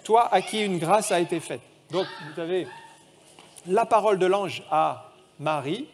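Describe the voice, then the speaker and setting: A man's voice: high voice, measured pace. A man preaching a sermon in a church, reading scripture aloud and quizzing the children with a picture puzzle.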